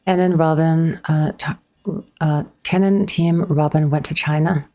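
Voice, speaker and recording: A woman with a notably low voice streams a game and chats casually with her viewers. She is a bit awkward and picks up chat messages as she goes, speaking into a streaming microphone. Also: steady tone, unhurried, mellow. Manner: chatty, a bit awkward, reads and answers chat.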